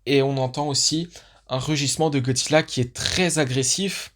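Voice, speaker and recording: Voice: mid-range voice, normal speed, a bit bright. A YouTube host giving casual commentary on a film teaser. The host talks like an enthusiastic fan who thinks aloud, with many restarts and fillers.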